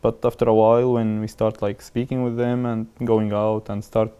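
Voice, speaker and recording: A man, talking haltingly in a documentary interview. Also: fairly low pitch, little pitch movement, warm tone, smooth. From Syria. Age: 20s. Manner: halting, searching for words with many fillers.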